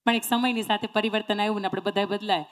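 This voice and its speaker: A woman's voice: mid-range voice, steady tone, very fast. A woman giving a motivational speech, telling folksy stories, repeating words and quizzing her audience. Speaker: motivational speaker.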